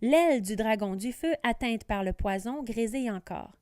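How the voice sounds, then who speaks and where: Bright-voiced woman reading a storybook. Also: on the high side, normal speed, no echo, clean studio sound. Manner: clear, careful diction with lively voices for characters. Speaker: teacher reading aloud. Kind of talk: storybook read-aloud.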